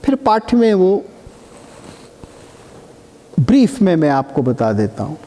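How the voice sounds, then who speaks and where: A man's voice: sits high, very animated, slow, warm tone. A man giving a classroom lecture, explaining patiently and breaking now and then into chanted demonstrations. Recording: reverberant lecture hall.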